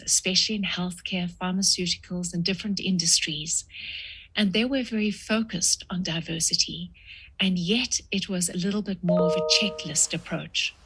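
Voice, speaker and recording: A woman in her sixties from South Africa talks through a podcast interview at a measured pace, often pausing with "uh". Her voice is husky and sits a little low. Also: fairly bright tone. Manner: measured, frequent "uh" pauses. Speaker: guest author.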